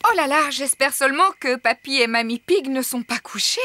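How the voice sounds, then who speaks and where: A woman's voice: high voice, a little fast, noisy background, lightly acted. A woman voicing a kind, playful mother pig in a children's cartoon, patient and encouraging, with a singsong delivery. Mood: gentle. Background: music.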